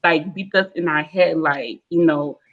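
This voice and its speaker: A young woman with a Nigerian-American accent speaks as a panel guest in a casual discussion, her voice low, a little slow, and fairly even in intonation. She rambles, using many fillers and restarts. The recording sounds dull and lo-fi.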